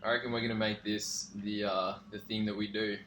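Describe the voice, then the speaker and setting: Joking sweary host. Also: male voice, on the low side, little pitch movement, brisk, pushed and bright, slight background noise. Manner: joking and sweary, laughs easily. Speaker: podcast host. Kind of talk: casual podcast chat. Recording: roomy echo.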